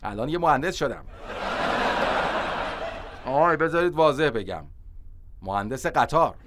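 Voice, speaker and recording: An actor dubbing a smug, pedantic young physicist who has taken up trains, talking in a precise, mock-polite way. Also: male voice, medium pitch, animated, heavy background noise, close to an everyday voice. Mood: superior. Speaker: Persian dub actor. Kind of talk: Persian dub of a sitcom.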